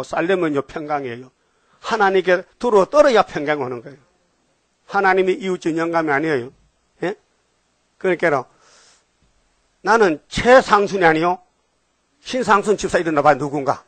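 A male pastor with a Gyeongsang accent preaches in an animated style and keeps throwing questions at his listeners. His voice sits a little high for a man. The recording is close and dry, with almost no room sound. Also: dry recording. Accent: Gyeongsang Korean. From Gyeongsang region, Korea. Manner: animated, questions the congregation, jumps between topics. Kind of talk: sermon.

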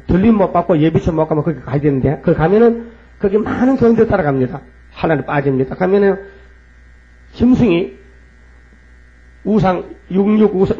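A man preaching a fervent sermon. He reads scripture aloud and keeps asking and answering his own rhetorical questions. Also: high voice. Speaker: pastor. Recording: dull lo-fi recording with mains hum.

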